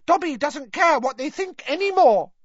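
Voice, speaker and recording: A woman voicing an excitable, timid male house elf in a storybook, with a squeaky voice and deferential, broken third-person grammar. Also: normal speed, no echo, muffled recording. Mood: defiant.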